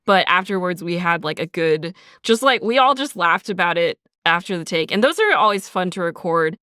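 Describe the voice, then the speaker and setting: A woman podcast host who designs sound for audio dramas chats casually behind the scenes about her craft, informally peppering her sentences with "like" as filler. Her voice sits on the low side, expressive, pushed and bright, at a moderate pace. The recording is smooth, studio quality, with no echo.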